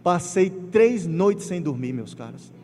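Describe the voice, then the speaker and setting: A middle-aged man with a Pernambuco accent giving an emotional, animated spiritist lecture, telling personal stories with acted quotes. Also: high-pitched, slow pace. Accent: Pernambuco Portuguese. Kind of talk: lecture to a congregation. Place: large lecture hall. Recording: hall reverb with faint ambient noise.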